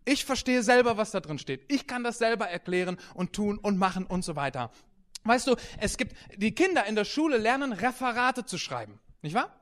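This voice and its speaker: High-voiced animated preacher. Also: male voice, brisk. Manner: animated, swings between soft and loud, storytelling. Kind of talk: sermon with anecdotes.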